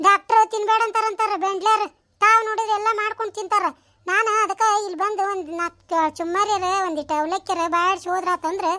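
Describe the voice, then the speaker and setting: Woman voicing shrill, sharp-tongued village gossips for a cartoon, North Karnataka Kannada accent, dry recording. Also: no echo. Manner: quick scolding village banter, exclamatory. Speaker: voice of a cartoon series.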